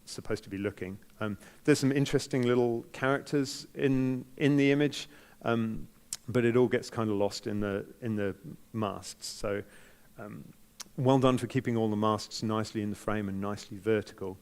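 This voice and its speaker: A New Zealand man serves as a competition judge, offering off-the-cuff feedback in a hesitant, measured manner that cushions his criticism. His pitch sits fairly low with fairly even intonation, and his tone is clear and resonant.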